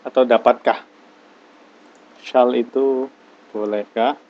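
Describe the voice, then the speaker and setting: A man teaching an English class, explaining slowly and patiently and drawing out example phrases. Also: medium pitch, fairly even intonation, lo-fi sound. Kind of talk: online class lesson.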